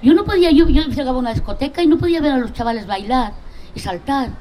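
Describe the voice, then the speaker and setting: A woman's voice: high voice, lively intonation, fast, a crowd in the background. A middle-aged woman from Spain speaking earnestly and bluntly at a public talk, swearing casually. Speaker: panel speaker, mother of drug-affected children's group. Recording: noisy live talk recording.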